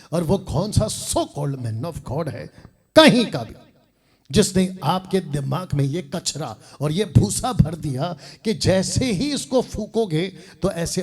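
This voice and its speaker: A man preaching in a scornful, combative way. His voice is husky and sits a little high, with a lively, swooping delivery as he mocks and scolds. He laughs between his points. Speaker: pastor and Bible teacher.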